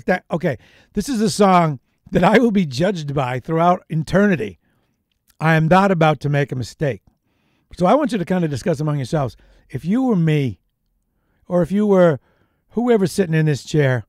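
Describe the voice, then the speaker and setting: A man's voice: a little high, a little mellow, no echo. A man hosting a live radio show, chatty and reflective, speaking into a studio microphone. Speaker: radio DJ host.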